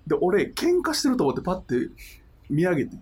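A man with a Kansai accent, co-hosting a casual podcast chat and telling a story in a relaxed, animated way. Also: sits high, fast talker, husky. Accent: Kansai Japanese. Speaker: podcast co-host.

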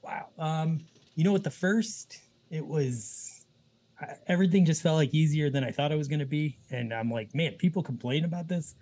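A man in his thirties, a guest on a podcast, talking in a relaxed way and laughing easily. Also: a little high, moderate pace. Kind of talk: casual conversation.

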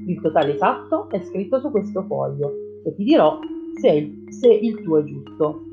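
A woman's voice: on the low side, sing-song, normal speed, vocal fry, narrow, tinny audio, music in the background. A woman reading an audiobook, voicing a boastful, bullying father who deals in cars. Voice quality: loud, bullying, self-satisfied. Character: blustering boastful father, a crooked car dealer.

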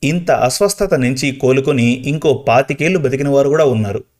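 A man voicing a calm middle-aged village doctor in a spoken story, measured and advising. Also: medium pitch, lightly acted. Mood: grave.

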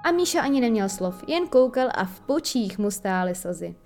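A woman narrating a children's story in an expressive, lively storytelling manner. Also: a little high, faint music behind. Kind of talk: audiobook reading of a children's story.

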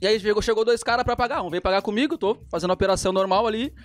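Fast high-voiced man telling a story. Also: soft background music. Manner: rapid slangy storytelling, acts out quotes. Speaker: podcast co-host. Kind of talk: casual storytelling chat.

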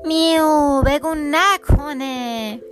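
A woman voicing a hungry, gullible male cat in a children's storybook, with drawn-out meows and a slow, loud delivery. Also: high voice, faint music behind. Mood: greedy.

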